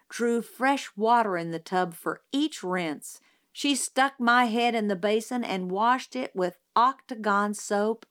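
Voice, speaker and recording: A woman with a medium-pitched voice narrates a novel as an audiobook, telling the story in a measured, unhurried way.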